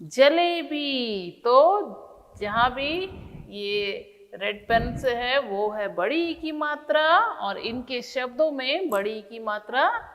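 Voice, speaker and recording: Woman teacher, high voice, very slow, sounds out each syllable for small children, long reverb behind her. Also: animated, fairly bright tone. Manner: patient, asks questions and answers them herself. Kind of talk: children's Hindi phonics lesson.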